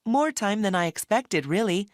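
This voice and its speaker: Woman doing earnest young uni student, stilted scripted lesson dialogue, medium pitch, dry sound. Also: expressive, normal speed, no room sound, close to an everyday voice. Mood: polite, earnest. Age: young adult. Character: polite, earnest female university student.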